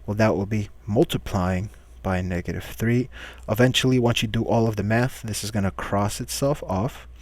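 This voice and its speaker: A man with a somewhat low voice teaching math in a recorded lesson. He talks patiently step by step, posing questions to the class and answering them himself. The sound is dry and close, with no room around it. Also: moderate pace, few pauses, a little mellow, dry recording.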